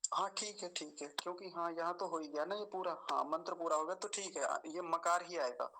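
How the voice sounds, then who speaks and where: A man patiently teaching mantra pronunciation, slowly repeating and drawing out each word. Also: on the high side, sharp tone, rough recording. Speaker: Vedic recitation teacher. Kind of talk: pronunciation lesson.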